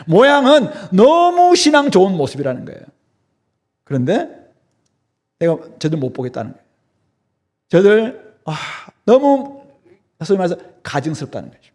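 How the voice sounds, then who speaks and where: A man preaches a sermon from the pulpit, his voice sitting high and swinging widely in pitch. He explains scripture with emphasis and keeps putting rhetorical questions to the congregation. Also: huge pitch swings, normal speed, long pauses, a little mellow. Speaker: pastor. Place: church sanctuary.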